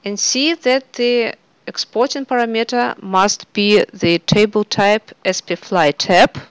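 Woman, screencast narrator, even instructional read, dry close mic. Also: mid-range voice, takes it slowly, clear, resonant tone, no echo, low-quality recording. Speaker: software tutorial presenter.

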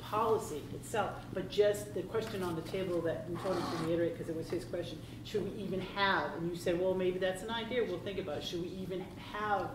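A woman's voice: lowish voice, fairly even intonation, fairly quick, few pauses. Rambling woman on a school board. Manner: rambling, restarts often, earnest. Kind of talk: meeting discussion. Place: meeting room. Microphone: far room mic. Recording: echoey, distant, hissy.

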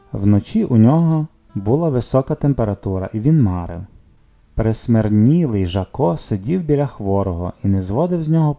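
A man reading a children's story aloud with expressive narration. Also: on the low side. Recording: soft music behind the reading.

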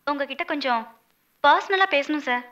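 A bold young employee. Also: female voice, high-pitched, normal speed, a bit bright, muffled recording. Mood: complaining. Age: young adult. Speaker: office employee. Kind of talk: comic film dialogue.

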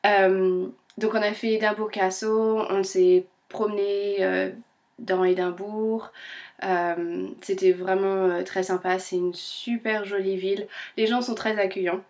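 A young woman chats at an easy pace to her knitting vlog audience, her voice slightly strained. She hesitates often and fills pauses as she tells her story. She keeps a friendly, conversational tone. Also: medium pitch, level tone, a little mellow. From France. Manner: chatty, many fillers and hesitations. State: voice a little strained. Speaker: knitting vlogger. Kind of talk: casual chat.

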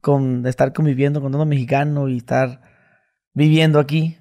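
A man interviewing a guest, asking curious, quick questions in a casual chat. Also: mid-range voice, flat delivery, warm tone.

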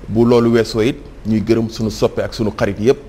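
A man's voice: lowish voice, level tone, fast, warm tone, husky. A young man, a TV pundit giving formal, flowing greetings on a talk show. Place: TV studio set.

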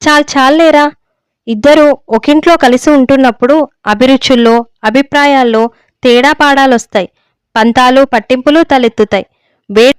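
Stern hurt old village dad scolding his son, a woman reads him in her high smooth voice, dry close sound. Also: dry recording, natural voice. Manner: scolding, pleading rebukes.

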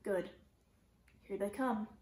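A woman voicing a worried, quiet uncle who speaks in a low, hushed voice. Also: fairly even intonation, a little fast, natural voice. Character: worried middle-aged uncle, quiet and urgent. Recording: roomy echo.

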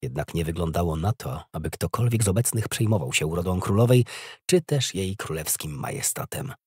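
A man narrating an audiobook in a measured, expressive reading. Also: low voice, breathy edge, no room sound, clean studio sound. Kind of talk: scripted narration.

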